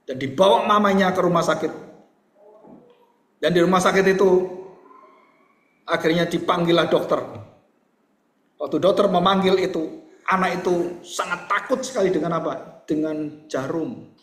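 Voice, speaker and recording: A man's voice: moderate pace, long pauses, reverberant. A male pastor preaching a sermon, telling stories animatedly and acting out their voices, then leading a prayer. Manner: animated storytelling, acts out voices with high pitch.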